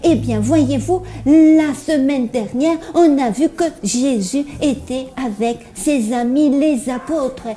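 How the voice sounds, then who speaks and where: Speaking slowly with few pauses, a woman uses a high but dark-toned voice for a cheerful, eager child puppet. The puppet narrates a Bible story for children, stuttering heavily and repeating words again and again.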